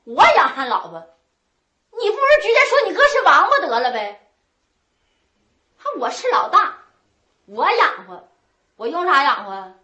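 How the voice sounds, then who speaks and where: A woman playing a stingy, spiteful middle-aged sister-in-law with a Northeastern Mandarin accent, sharp-tongued and quarrelsome. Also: sits high, big pitch swings, normal speed, pauses often, heavily acted. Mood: scornful. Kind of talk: comic stage folk opera dialogue. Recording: echoey stage sound.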